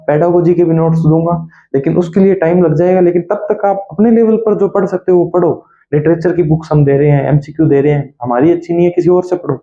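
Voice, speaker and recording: A man coaching exam candidates, blunt and repetitive, drilling lists of what to study and what to skip. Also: mid-range voice. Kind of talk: advice talk to exam candidates. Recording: echoey, tinny phone-like sound.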